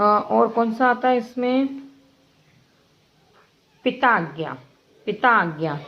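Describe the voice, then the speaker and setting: A woman's voice: mid-range voice, a little hiss or hum. A woman teacher explaining grammar to children, repeating each example patiently and often checking that her pupils follow. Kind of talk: classroom grammar lesson. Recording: dull lo-fi recording.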